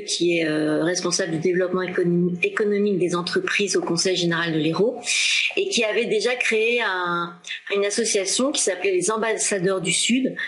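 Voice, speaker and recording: A woman from France in her forties speaks in a slightly low voice. She talks in an easygoing, chatty interview manner, full of fillers and small restarts. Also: poor audio. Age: 40s. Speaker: association founder, interviewee. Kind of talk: casual interview talk.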